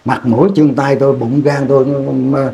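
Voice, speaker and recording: With a medium-pitched, dark voice marked by vocal fry, a man from Vietnam delivers his war memories flatly at a moderate pace. In this oral history interview he rambles, repeating words whenever he restarts a sentence.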